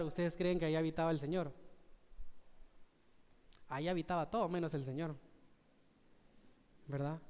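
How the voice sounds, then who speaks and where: A man's voice: sits high, a little mellow, clean tone. A young adult man with a Guatemalan Spanish accent, preaching a sermon in an earnest, conversational way and often checking in with the congregation. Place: church sanctuary. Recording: church hall reverb.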